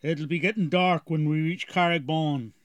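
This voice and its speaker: A man's voice: fairly high pitch, steady tone, normal speed, no echo, lightly acted. A man voicing a friendly, shrewd male cart driver with an easygoing, businesslike manner.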